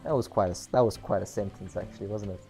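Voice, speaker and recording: A man's voice: lowish voice, fast talker, vocal fry, darkish tone. Kiwi guy streaming a game, jokey and rambly, bit of game music behind. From New Zealand. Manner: rambling, joking, self-correcting. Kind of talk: casual live gameplay stream.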